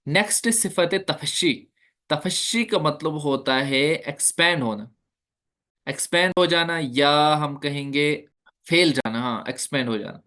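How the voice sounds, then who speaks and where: A man's voice: on the high side, measured pace, pushed and bright. A man teaching a recitation class. He explains each point step by step, asks the class questions and demonstrates the sounds. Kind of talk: classroom lecture.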